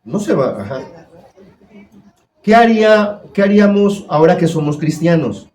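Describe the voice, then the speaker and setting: A man's voice: high-pitched, very animated, normal speed, darkish tone. A man preaching a sermon as pastor, putting questions to his congregation. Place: church hall. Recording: echoey church room.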